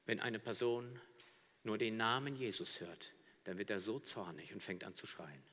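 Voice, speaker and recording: Male preacher, bright forceful voice, dramatic swings from whisper to shout, long hall reverb. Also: fairly low pitch, steady tone, moderate pace. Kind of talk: sermon.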